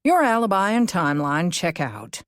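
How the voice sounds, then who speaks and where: A woman narrator voicing a calm, cautious man who explains things in a measured way in a cozy mystery audiobook. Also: lowish voice, no echo, clean studio sound. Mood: matter-of-fact.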